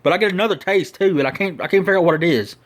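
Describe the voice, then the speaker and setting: A man with a Southern US drawl chats through a casual product review in a slightly high voice. His lower lip is packed full of dip as he talks, and his delivery is rambling, folksy and full of slang. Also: racing.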